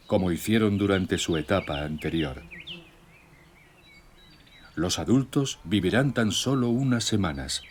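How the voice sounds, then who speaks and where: A man narrating a scripted nature documentary in a measured, solemn storytelling way. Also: lowish voice, a little hiss or hum. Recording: music bed with nature sounds. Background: music, birdsong and nature sounds.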